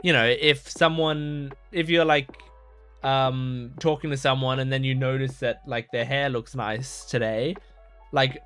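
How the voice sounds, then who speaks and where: The anime reaction channel host has a mid-range, slightly bright voice. He thinks aloud in a casual, sincere way, meandering through his points with frequent "like" fillers and restarts.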